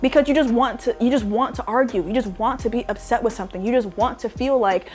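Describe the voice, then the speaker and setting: A woman's voice: a little high, fast, a little mellow, faint music behind. A young woman giving casual online commentary, exasperated and emphatic, with lots of "like" fillers. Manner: exasperated, emphatic ranting with frequent "like". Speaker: social media commentator.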